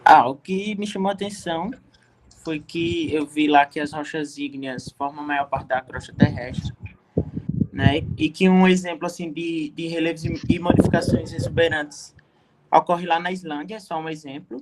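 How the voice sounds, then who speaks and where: A man's voice: fairly high pitch, fairly even intonation, normal speed. A man with a Brazilian Portuguese accent, a student answering in an online class, hesitant and stumbling over words. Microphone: computer mic on video call. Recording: noisy video-call audio.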